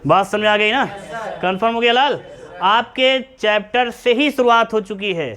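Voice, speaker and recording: A man lectures on chemistry to a room of students. His voice sits high, and he keeps pausing to ask whether the class has understood. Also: bright, forceful tone. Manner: repeatedly checks understanding, calls students beta. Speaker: chemistry teacher.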